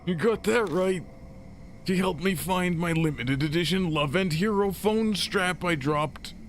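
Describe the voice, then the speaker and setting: A man voicing an excitable, round young male idol fan with a strained, geeky voice in a visual novel game read-through. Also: unhurried, a little hiss or hum. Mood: eager, chatty. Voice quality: strained, high-pitched geeky voice.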